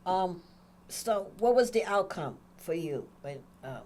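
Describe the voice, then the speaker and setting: A woman's voice: fairly low pitch, expressive, a little slow, darkish tone. A woman co-hosting a talk show, asking questions and giving supportive, affirming replies. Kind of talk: casual interview.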